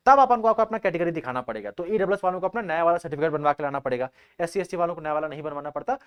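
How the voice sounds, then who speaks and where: Fast-talking young male exam coach. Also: fairly high pitch, clear, resonant tone. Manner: fast, repetitive, addresses students as bhaiya. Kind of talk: casual explanatory lesson.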